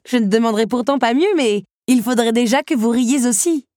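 Woman doing a high, lively young heroine. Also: a little fast, dry recording, studio quality, close to an everyday voice. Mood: merry, pleading. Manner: bright and high, excited. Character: spirited, laughing young woman.

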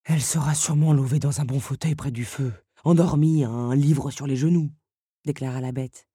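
A woman voicing a male beast, lord of the castle, calm and commanding. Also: extremely low pitch, normal speed, slightly rough, no room sound, studio quality, exaggerated voice. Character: gruff lordly beast, male, worried master.

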